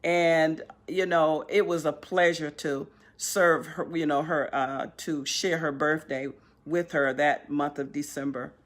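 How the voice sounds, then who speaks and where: A woman's voice: deep voice, steady tone, unhurried, few pauses. A woman giving an informal memorial tribute, rambling with fillers and restarts. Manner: rambling, many fillers and restarts, laughs easily.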